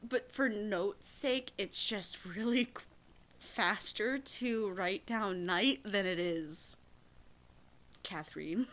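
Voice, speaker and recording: A woman's voice: mid-range voice, slow, a bit bright. A young woman co-hosting a true-crime podcast, chatting casually with lots of fillers, restarts and giggles. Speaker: podcast co-host.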